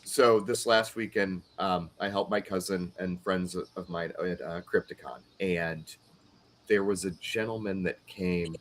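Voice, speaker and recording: A man's voice: deep voice, measured pace, slight background noise. A man hosting a casual podcast about art and conventions, telling stories and acting out the people in them. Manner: animated storyteller, acts out customers' voices. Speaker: podcast host and artist. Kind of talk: casual chat.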